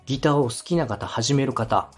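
A male podcast host and radio director gives advice at normal speed, his medium-pitched voice carrying a breathy edge over faint background music. His manner is polite, encouraging, and conversational.

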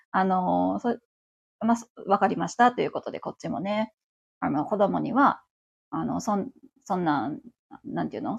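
A woman's voice: medium pitch, creaky, darkish tone, slightly rough. A woman around forty with a Kansai accent, chatting on her own as host of a livestream radio show, rambling along with many fillers. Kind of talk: casual solo chat.

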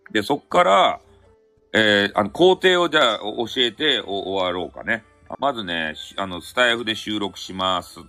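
A man speaking Hakata dialect hosts a casual solo live audio chat, rambling, correcting himself and chuckling now and then. His voice is on the low side with a sharp tone.

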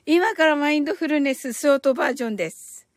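A woman's voice: high voice, fast talker, no room sound, studio quality. A woman hosting a casual live audio stream, reading out listener comments and reacting with giggles and delight.

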